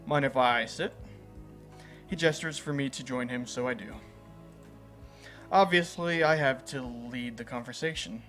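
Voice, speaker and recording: A man's voice: mid-range voice, normal speed, fairly bright tone, soft background music. A man reading a visual novel game aloud as a gaming host, playful and chuckling at the story.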